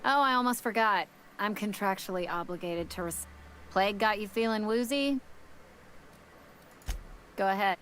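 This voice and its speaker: A woman's voice: medium pitch, moderate pace, long pauses, a bit bright, slight background noise, lightly acted. An actress voicing a brusque, wary woman bartender from a company frontier town in a video game, with a sassy, curt and dismissive manner. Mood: sardonic, guarded. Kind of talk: video game character dialogue.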